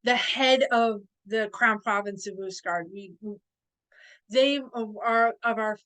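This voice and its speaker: A woman chatting as a podcast guest, telling stories in a hesitant way with frequent pauses and fillers. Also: mid-range voice, a bit bright, clear, resonant tone, low-quality recording. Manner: hesitant, with many fillers and restarts. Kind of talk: casual interview chat.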